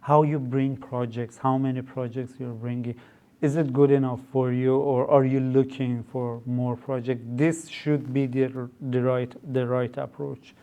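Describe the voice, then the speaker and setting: Medium in pitch and a little slow, this young man's warm, clean voice stays level, though the recording's highs are cut off. He's a Persian-accented startup founder guesting on a podcast interview, explaining things hesitantly with lots of fillers, restarts and mid-sentence rephrasing.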